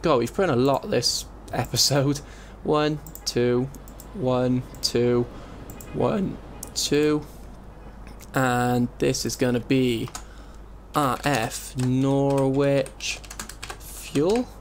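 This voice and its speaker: Man, gameplay commentary, heavily compressed mic, keyboard clicks, self-mocking mutter, slow. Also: medium pitch, steady tone, slight background noise. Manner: muttering to himself while building, self-mocking. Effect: heavily compressed mic, keyboard clicks audible. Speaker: let's play host. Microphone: desk mic with compressor. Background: keyboard typing.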